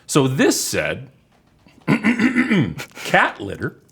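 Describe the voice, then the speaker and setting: A man in his fifties co-hosting a podcast, telling animated, joking stories in casual chat. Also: medium pitch, extremely slow, creaky, breathy edge. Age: 50s. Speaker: podcast co-host.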